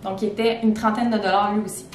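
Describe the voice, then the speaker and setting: A young woman with a Québécois accent chats casually about her clothing finds, her talk full of fillers and restarts. She sits back from the camera, and the room rings with echo under a faint rumble. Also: flat delivery, fast talker. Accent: Québécois French. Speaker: teacher vlogger. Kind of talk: casual fashion haul chat. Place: indoors at home. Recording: echoey room, far from the mic, faint rumble.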